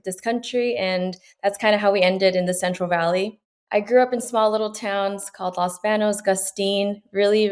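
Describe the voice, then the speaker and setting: Earnest young woman guest, reflective. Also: mid-range voice. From Peru. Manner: earnest, reflective, many fillers and restarts. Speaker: medical student guest. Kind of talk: casual interview answers.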